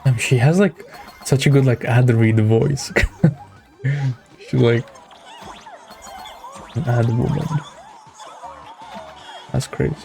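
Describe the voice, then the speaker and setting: A young male streamer with a mellow, gravelly voice comments casually on a game. He sounds laid-back and amused, with faint music behind him. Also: medium pitch, steady tone, slow, long pauses. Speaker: game streamer reacting to a playthrough.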